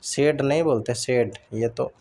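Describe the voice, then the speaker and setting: A man teaching an English pronunciation lesson, talking slowly and deliberately. He says each word again and again and keeps checking in with the listener. His pitch sits at an ordinary male middle. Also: a little mellow. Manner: repeats each word several times, says "ठीक है" often. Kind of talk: explaining lesson in Hindi, reading English slowly.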